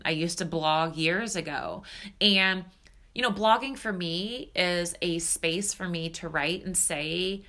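A spiritual coach in her thirties talks through a solo monologue on her own podcast, candid and chatty with many fillers. Her lowish voice has a sharp tone and sounds somewhat stuffed up and nasal.

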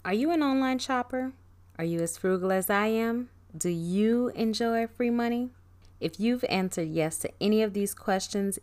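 A woman podcast host reading a scripted sponsor spot. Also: medium pitch.

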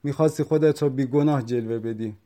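A man's voice: mid-range voice, warm tone, natural voice. A man voicing a stern, mocking police officer during an interrogation. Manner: cold, mocking.

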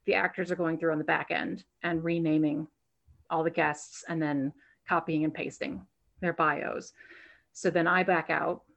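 A woman guest talking casually in an interview, chatty and restarting her sentences as she thinks. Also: fairly low pitch. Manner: chatty, repeats words while thinking, many "um"s. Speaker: guest, burlesque performer and show producer. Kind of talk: conversational interview answers. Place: home, on a video call.

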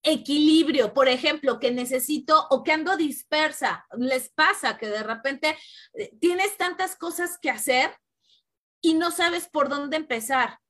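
A woman talks in a relaxed spiritual podcast conversation. Her voice sits high and rings bright. She leans into repeated affirmations in an earnest, reassuring way. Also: measured pace. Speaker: podcast co-host. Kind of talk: casual spiritual chat.

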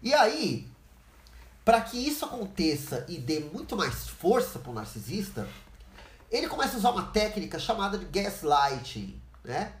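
A Brazilian woman speaks earnestly in a podcast monologue, her pitch rising and falling with lively movement. She often slips into quick acted-out exchanges between people. The sound carries a noticeable echo of the room around her. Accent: Brazilian Portuguese. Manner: earnest, acts out dialogue in quick changing voices. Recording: echoey room.

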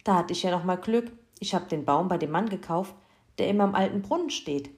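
A woman's voice: lowish voice, a little fast, a little mellow, close to an everyday voice. A woman voicing a flustered father in a storybook reading, mumbling and defensive. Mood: sheepish. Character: flustered father, proud then unsure.

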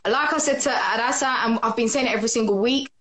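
Excited high-voiced woman host, echoey. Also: quick pace. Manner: excited, gushing. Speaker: livestream host. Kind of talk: casual livestream chat.

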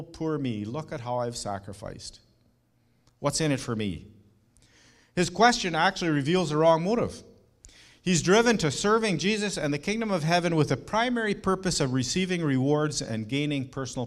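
A middle-aged man preaching a sermon, earnest and emphatic, with rhetorical questions and warm personal asides to the congregation. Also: fairly high pitch. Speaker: pastor.

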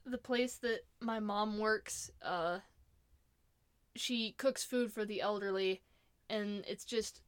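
A woman's voice: medium pitch, slow pace, smooth, no room sound. A young woman ranting casually about her opinions in a chatty, exasperated way, laughing often. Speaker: vlogger.

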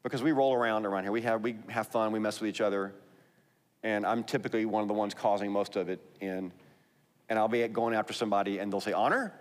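A man's voice: on the low side, fairly even intonation, fast talker. A man with a Texas accent preaching a sermon, conversational and emphatic, reading scripture aloud between his own remarks. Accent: Texan. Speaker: pastor. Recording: long reverb in a large hall.

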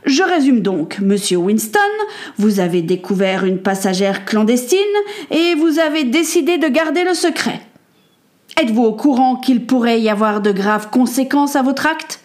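A woman's voice: on the high side, normal speed, a little mellow, lightly acted. A woman voicing a stern male ship captain who gives curt commands.

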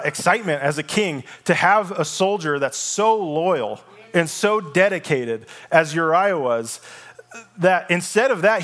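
A man's voice: a little high, fairly bright tone. A male pastor preaching a sermon in a casual, conversational storytelling manner, reading scripture aloud.

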